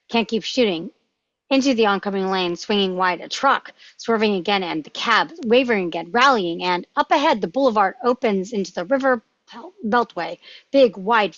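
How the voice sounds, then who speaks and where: At a table read, a woman with a medium-pitched voice narrates the screenplay's action lines, hitting the punchy action words with emphasis. The recording is dry and dull, lo-fi, with no room sound.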